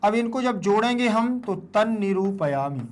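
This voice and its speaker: Speaking in a raised, high voice at a measured pace, a man teaches a classroom lesson with expressive delivery. He patiently works through each step, repeats every question back while answering it, and sounds words out syllable by syllable.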